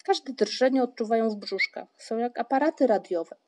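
A woman voicing a calm, resourceful young wanderer in a storybook, talking patiently and reassuringly. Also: a little high, normal speed, natural voice.

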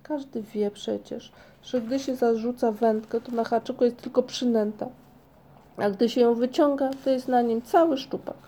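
A woman's voice: on the high side, steady tone, moderate pace, mellow, pitched above the performer's own voice. A woman voicing Snork Maiden, a plaintive girl creature. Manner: plaintive, sighing.

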